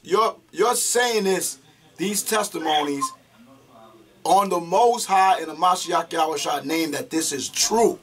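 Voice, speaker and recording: A man's voice: sits high, unhurried, fairly bright tone. A man hosting an interview, interjecting and probing with religious terms. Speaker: host.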